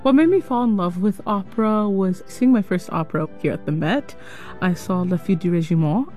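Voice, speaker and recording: A woman's voice: medium pitch, expressive, fairly quick, dark tone, soft background music. A woman from Alabama, an opera singer, speaking in a friendly, direct way about her first opera.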